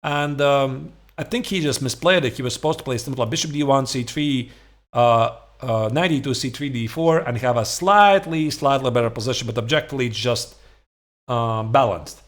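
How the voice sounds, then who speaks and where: A man's voice: medium pitch, normal speed. A man in his forties giving conversational, emphatic chess instruction, talking through opening lines and checking in with rhetorical questions. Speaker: chess coach and streamer. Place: small home room, indoors.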